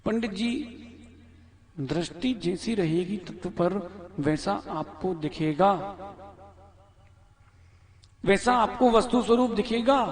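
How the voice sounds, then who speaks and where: A man, a monk, giving a scripture class in a temple hall, quizzing listeners by name and correcting how they pronounce the verses. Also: high voice.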